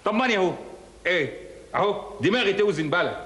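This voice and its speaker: A stubborn old village father scolding gruffly in an Egyptian accent. His speech is quick and slightly high. The room is roomy with a long reverb tail. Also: lively intonation, fairly bright tone. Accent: Egyptian Arabic. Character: stubborn grumpy widowed rural father.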